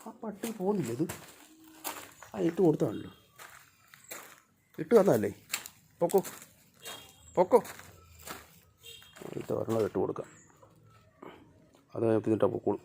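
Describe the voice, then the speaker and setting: A vlogger talking casually to dogs and cats while feeding them, coaxing, scolding and calling out loudly in homely colloquial speech. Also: medium pitch, very animated, normal speed, pauses often, a little hiss or hum. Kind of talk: casual talk to animals.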